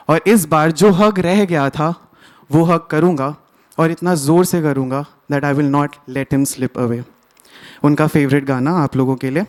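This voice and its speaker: A young man telling a personal story at an open mic, in a soft, slow and heartfelt way. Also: on the high side. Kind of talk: emotional storytelling performance.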